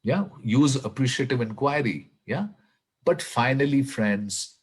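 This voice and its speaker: A man with an Indian accent giving an earnest, inspirational talk in a web broadcast, speaking slowly and with emphasis. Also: mid-range voice, expressive, husky. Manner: earnest, slow and emphatic, mixing English with Hindi.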